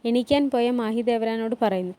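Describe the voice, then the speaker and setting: Lady narrating a drama story, voices all the characters herself, slightly high mellow voice, close dry mic. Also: steady tone, fairly quick, smooth. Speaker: storyteller retelling a TV series.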